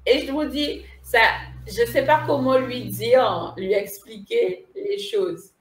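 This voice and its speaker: A woman's voice: fairly high pitch, takes it slowly, roomy sound. A woman casually telling a personal story as a guest, repeating herself and laughing as she goes. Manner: animated, repeats phrases, laughs while telling. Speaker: spiritual medium guest.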